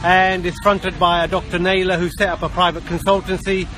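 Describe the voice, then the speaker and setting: A British doctor and campaigner speaking emphatically in a street interview outdoors. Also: male voice, sits high, little pitch movement, brisk, a faint crowd, poor audio. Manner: emphatic, urgent. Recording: street traffic noise behind.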